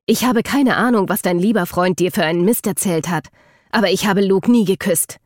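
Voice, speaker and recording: A woman voicing a furious young woman who feels betrayed, shouting accusations bitterly. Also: mid-range voice, normal speed, no echo, studio quality, lightly acted.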